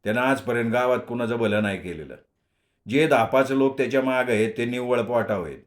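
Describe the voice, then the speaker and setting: A man's voice: mid-range voice, lightly acted. A man voicing a blunt, grumbling middle-aged village schoolmaster in a storybook reading. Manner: earnest, grumbling.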